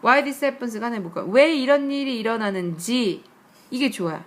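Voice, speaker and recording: A woman teaching English grammar on a tablet screencast, her voice sitting a little high. She explains patiently, checks in with rhetorical questions and reads each English example slowly and carefully. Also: animated. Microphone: tablet screencast mic.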